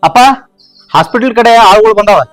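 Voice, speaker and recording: A man's voice: high voice, moderate pace, a bit bright, no room sound, soft background music. An actor with a North Karnataka Kannada accent, playing a blunt young husband who questions his wife brusquely. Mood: concerned questioning. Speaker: actor in a village comedy film.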